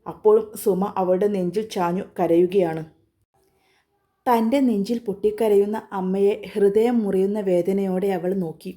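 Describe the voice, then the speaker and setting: A woman storyteller reading a serialized romance story aloud in an even, steady manner. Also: mid-range voice, normal speed.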